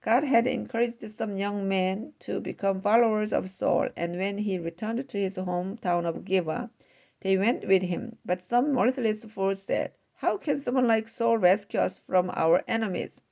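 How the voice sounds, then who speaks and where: A woman reading scripture aloud at a steady pace, with small slips now and then. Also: mid-range voice, measured pace, gravelly. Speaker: scripture reader.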